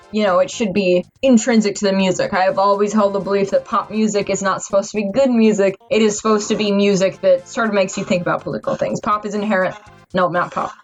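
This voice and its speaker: A tipsy woman, an amateur movie reviewer, rambles through a casual review from her notes, tripping over words with mock-earnest seriousness. Her voice sits at medium pitch, and the high frequencies are cut off.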